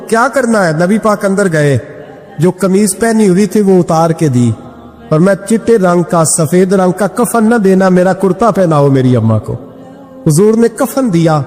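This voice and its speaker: A man's voice: sits high, darkish tone. A man preaching an emotional sermon, telling a story and singing verses in a melodic chant. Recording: long hall reverb with faint music.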